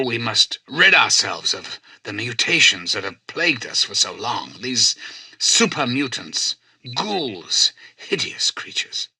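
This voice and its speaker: A male actor playing a self-styled president in a video game, a calculating artificial intelligence who speaks in formal, measured, persuasive oratory. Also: fairly low pitch, pushed and bright, slightly rough, no echo, heavily acted. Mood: grave, zealous. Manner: grandiose, measured, courteous, persuasive. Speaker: president addressing personnel and listeners.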